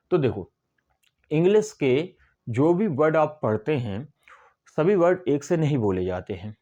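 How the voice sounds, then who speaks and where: A man teaching English basics in a whiteboard lesson, explaining step by step and drawing out syllables slowly. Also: mid-range voice, a little mellow.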